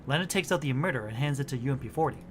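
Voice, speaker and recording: A man's voice: mid-range voice, lively intonation, very fast, slight background noise. A man reading the narration of a game story aloud on a stream. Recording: music behind the voice. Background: music.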